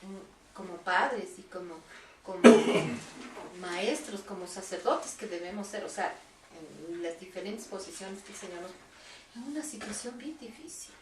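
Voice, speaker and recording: A woman's voice: medium pitch, measured pace. A woman in a church cell group, reflectively explaining her view in a casual discussion. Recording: roomy, distant mic, background noise.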